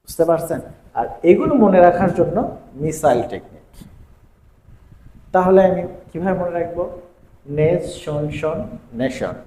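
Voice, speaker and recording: A man teaching English grammar in a video lesson, going through word lists in a steady, repetitive rhythm. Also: on the high side, normal speed, long pauses. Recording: echoey room with faint ambient noise.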